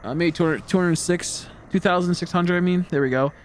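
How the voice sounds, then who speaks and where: A man's voice: sits high, a little fast. A teenage boy streaming a game, chatting casually and rambling, often trailing off into mumbles. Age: teens. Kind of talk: casual chat while gaming.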